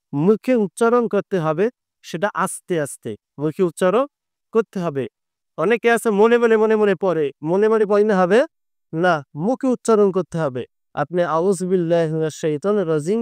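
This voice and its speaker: Male preacher, high resonant voice, explains step by step. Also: clear, resonant tone, no room sound, studio quality. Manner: explains step by step, asks and answers his own questions. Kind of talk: instructional sermon on prayer.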